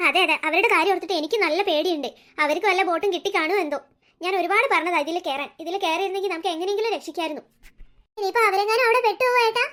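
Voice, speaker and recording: A woman's voice: very high-pitched, very fast, fairly bright tone. A woman voicing a worried young mother in a cartoon story, talking in a fretful, complaining way.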